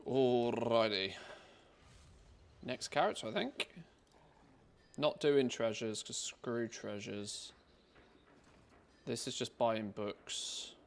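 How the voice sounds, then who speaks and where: A man's voice: medium pitch, slow pace, long pauses. A man giving casual gameplay commentary, thinking aloud in an informal way. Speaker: gaming content creator.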